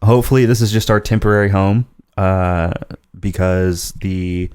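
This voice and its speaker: Low-voiced young man, loose podcast banter. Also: level tone, normal speed, a little mellow, clean tone, no room sound, clean studio sound. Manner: rambling, laughs often. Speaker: podcast co-host. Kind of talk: casual banter. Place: spare-room home office studio.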